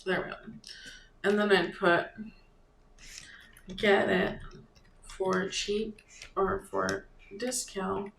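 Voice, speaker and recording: A creator walks viewers through building a site in a relaxed screen-share lesson, pausing and thinking aloud between clicks. The voice sits at a middle pitch, and the room around it rings with a noticeable echo. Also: creaky, slight background noise. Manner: loose and halting, thinking aloud while clicking through steps. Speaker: online creator and business coach. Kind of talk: casual screen-share tutorial. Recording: echoey room with faint ambience.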